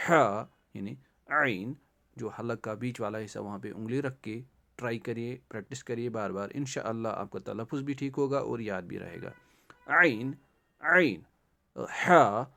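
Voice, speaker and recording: Male Quran teacher, mid pitch, patient and repetitive, sounds out letters slowly. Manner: explains by repeating himself, sounds out letters slowly. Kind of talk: recorded lesson.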